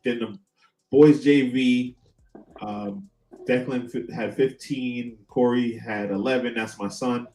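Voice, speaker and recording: A middle-aged man hosting a casual sports chat, talking haltingly with lots of fillers. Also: mid-range voice, fairly even intonation, mellow, reverberant, a little hiss or hum, poor audio. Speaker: host.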